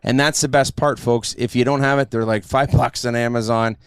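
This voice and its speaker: Brash, profane man with a smooth voice. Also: medium pitch, brisk, no echo, studio quality. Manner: brash, profane, animated storytelling. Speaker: podcast host. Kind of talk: casual podcast chat.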